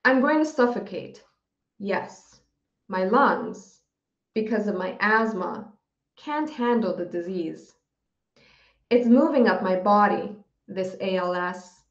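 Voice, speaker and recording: A woman voicing a gentle, dying elderly male professor who speaks softly and calmly. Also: medium pitch. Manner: soft, calm, unhurried. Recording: dull, roomy recording.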